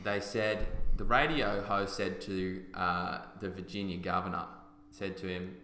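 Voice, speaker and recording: A man's voice: sits low, fairly even intonation, a little slow, pushed and bright, slight background noise. A man hosting a podcast, talking in an emphatic, argumentative way. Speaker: podcast host. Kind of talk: casual opinion chat. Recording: roomy echoey room.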